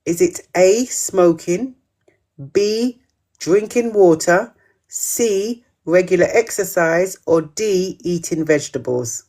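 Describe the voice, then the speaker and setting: This is the host of a live menopause quiz, a woman whose dark-toned voice sits on the low side and unhurried. She goes through every question twice and reacts to the viewer comments in a chatty way.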